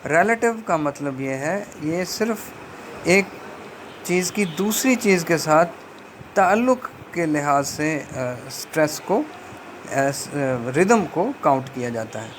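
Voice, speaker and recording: A male lecturer talks through a textbook, pausing often and reading the English lines out very slowly. His voice sits a little high for a man, and the pace stays unhurried throughout. A faint hiss of background noise runs under the recording. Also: expressive. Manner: slow, deliberate explanation with many hesitations, reads English passages very slowly. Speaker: linguistics lecturer.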